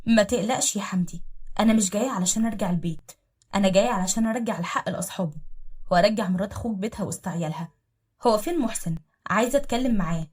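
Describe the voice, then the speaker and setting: Woman doing a calm firm egyptian young mom, bit husky, forgiving but steady. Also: medium pitch, racing, lightly acted. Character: gentle, dignified young mother who forgives.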